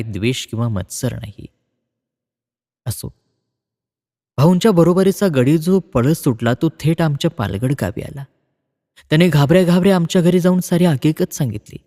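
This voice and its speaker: Mellow-voiced man reading a story. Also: on the high side. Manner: measured, expressive narration. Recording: long reverb.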